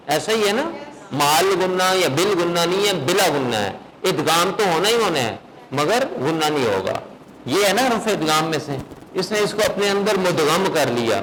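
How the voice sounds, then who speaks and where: A man teaching a recitation class, quizzing his students on the rules and chanting verses slowly to show how they are read. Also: on the high side, fairly bright tone, low-quality recording. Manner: questions students, then chants verses in slow melodic recitation. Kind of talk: classroom lesson.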